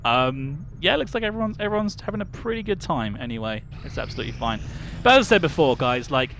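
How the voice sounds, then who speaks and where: A young man from Britain talks through a game on a live stream, greeting viewers, laughing and musing aloud. His voice sits a little high for a man. A faint hum runs under the recording. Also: lively intonation, quick pace, a bit bright. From United Kingdom. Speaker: livestreamer. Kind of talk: casual game livestream chat.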